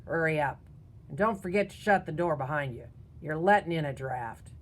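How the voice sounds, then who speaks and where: A woman voicing a sneering, gruff old man who keeps to himself in a swamp cabin, speaking slowly and low. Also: lively intonation. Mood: snappish. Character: sneering old male hermit groundskeeper.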